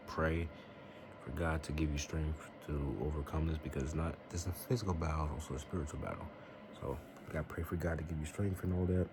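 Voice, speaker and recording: In a noisy home recording, a young man with a very deep voice shares faith-based advice as a vlogger, speaking casually and earnestly while rambling a bit.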